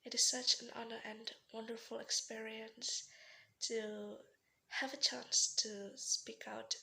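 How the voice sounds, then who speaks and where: A young woman from Indonesia with an Indonesian accent, giving a rehearsed formal speech as a student in earnest, pausing style with slips and restarts. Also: fairly high pitch, little pitch movement, gravelly, bright, forceful tone. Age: young adult.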